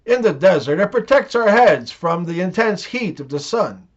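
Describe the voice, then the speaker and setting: Guy reading a patient old father, gently explains things, kinda muffled recording. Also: sits high, lively intonation, moderate pace. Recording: dull lo-fi recording.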